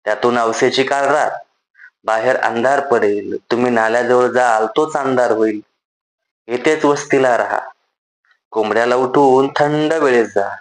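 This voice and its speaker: Old village woman, cautioning and slow, read by a man in a storybook. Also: medium pitch, lightly acted, rough recording. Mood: warning. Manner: cautioning, pleading.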